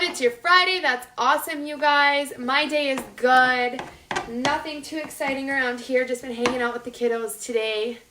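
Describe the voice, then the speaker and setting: A woman in her thirties with a North Dakota accent, hosting a casual cooking livestream and chatting informally straight to viewers. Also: on the high side. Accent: North Dakota, upper Midwestern American. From Las Vegas, United States. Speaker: host of a live cooking show. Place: home kitchen, indoors. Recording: echoey room, clearly noisy with clicks.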